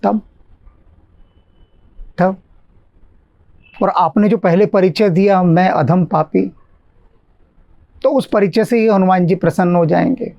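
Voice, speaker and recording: A man giving a calm devotional talk as a spiritual teacher, slowing down to stress his points. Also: high-pitched, creaky, highs cut off.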